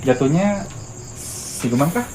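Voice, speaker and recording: A man's voice: a little high, animated, slow. A young man hosting a casual ghost-hunting vlog at night, asking questions and echoing his companions. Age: young adult. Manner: questioning, echoes what companions say. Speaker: vlog host. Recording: noisy night recording with insects. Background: crickets and insects.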